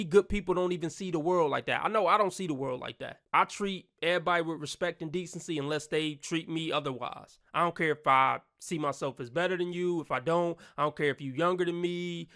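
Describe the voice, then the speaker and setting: A man's voice: a little high, a bit bright. A man hosting his own channel, giving blunt, profane opinion commentary in a ranting manner.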